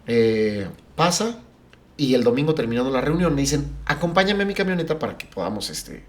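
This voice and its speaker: With a medium-pitched voice and a brisk delivery, this middle-aged man, a pastor on a podcast, recounts something from his own life. He's animated and performs the lines his family and friends said.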